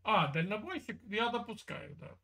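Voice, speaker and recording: A man's voice: sits high, big pitch swings, normal speed, bright, forceful tone. A man in his fifties from Siberia, lecturing insistently on a video call from a room at home. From Siberia, Russia. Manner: lecturing, insistent, talks over the other. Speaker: chat roulette streamer. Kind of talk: heated video chat argument. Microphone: webcam video call.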